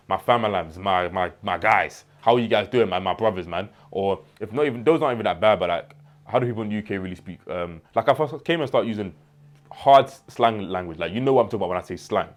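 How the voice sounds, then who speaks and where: A young man giving earnest motivational advice straight to camera, repeating words and restarting as he goes. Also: fairly low pitch. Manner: earnest and advising, with repetitions and restarts. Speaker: self-improvement creator.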